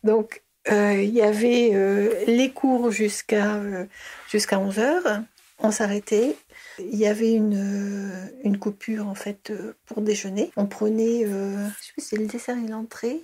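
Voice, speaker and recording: A middle-aged early childhood educator recalls her school years in a casual interview, hesitating with many fillers and restarts. Her mid-range voice is husky and dark, with a steady tone and measured pace.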